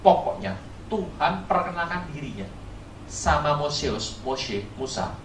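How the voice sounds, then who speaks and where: A pastor preaching a sermon, quizzing the congregation and swinging between loud high bursts and quiet low asides. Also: measured pace, background noise. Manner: animated, keeps quizzing the congregation. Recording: echoey hall from far off, faint ambience.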